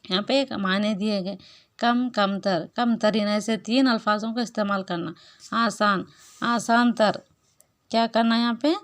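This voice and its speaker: A woman teacher giving a recorded Urdu lesson, explaining slowly, repeating points and asking questions. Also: mid-range voice, steady tone.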